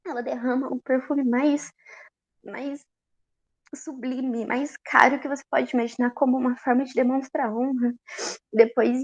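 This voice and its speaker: A woman with a Brazilian Portuguese accent giving a conversational Easter sermon, expressive and talking straight to the congregation. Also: sits high, lo-fi sound. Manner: expressive, talks straight to the congregation, laughs often. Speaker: preacher.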